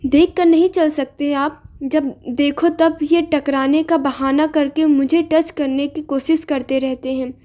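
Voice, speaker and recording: Brief: woman reader as a cheeky young woman, high mellow voice, sharp scolding tongue. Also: steady tone, unhurried, few pauses. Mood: shouting.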